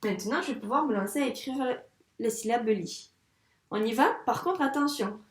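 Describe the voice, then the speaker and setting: A primary school teacher, a woman, guiding a young child through a handwriting lesson in a patient, encouraging way, saying each sound slowly as she writes. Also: a little high. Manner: says sounds slowly while writing. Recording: echoey room, mic at a distance.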